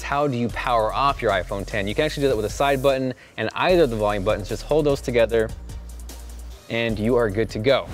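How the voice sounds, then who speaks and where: A young man talks through a gadget review outdoors in a chatty, excited way. His pitch sits in an ordinary middle range. Soft music plays faintly behind him. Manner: upbeat, chatty, enthusiastic. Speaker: tech reviewer. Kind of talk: casual product review.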